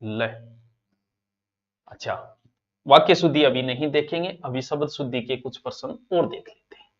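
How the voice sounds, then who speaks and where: A male teacher with a Rajasthani accent, running a lively exam-prep spelling class and teasing his students in local dialect. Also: mid-range voice, moderate pace, lo-fi sound.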